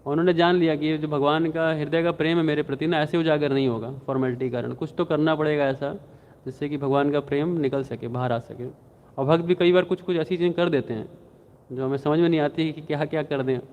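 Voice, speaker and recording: A man giving a devotional scripture class, telling stories and acting out the quotes with animation. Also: smooth. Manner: animated, acts out quotes with rising pitch. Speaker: devotional lecturer. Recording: tinny phone-like sound.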